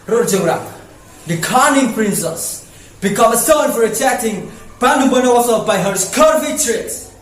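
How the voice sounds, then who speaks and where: A man's voice: very high-pitched, expressive, recorded from a distance, voice pushed up. A man doing a furious cursing prince. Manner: slow, commanding, ranting. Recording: echoey room, voice from afar.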